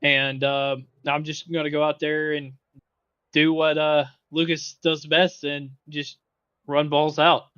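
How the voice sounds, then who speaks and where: Australian male driver, laid-back and joking, bright and a little high. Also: little pitch movement, takes it slowly, smooth, dry recording, dull audio. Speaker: racing driver. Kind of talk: post-qualifying interview.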